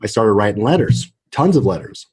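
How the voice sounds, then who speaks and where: Guest spot: husky middle-aged man, real estate agent, chatty and animated, keeps tagging "right?". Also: lowish voice, fairly quick. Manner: animated storyteller, many restarts and "right?" tags. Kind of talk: casual interview talk.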